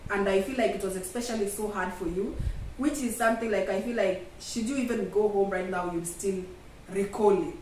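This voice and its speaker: A woman's voice: medium pitch, brisk, a little mellow. Kenyan-accented woman in an echoey room. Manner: conversational, addresses viewers as "guys". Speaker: vlog host. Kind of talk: casual sit-down chat. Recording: echoey room, distant mic, faint noise.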